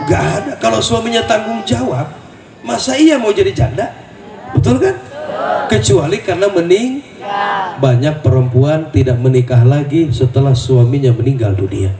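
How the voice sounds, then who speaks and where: A male preacher giving a humorous sermon, teasing the congregation with questions and jokes. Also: mid-range voice. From Indonesia. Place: mosque gathering with crowd. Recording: echoey hall, voice from far off, crowd noise.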